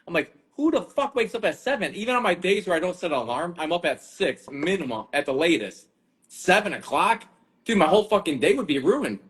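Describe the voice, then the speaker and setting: A man talks energetically in casual podcast chat, blunt and full of swearing. He speaks rapidly in a fairly high voice. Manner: energetic, blunt, swears freely, says dude a lot. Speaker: podcast guest.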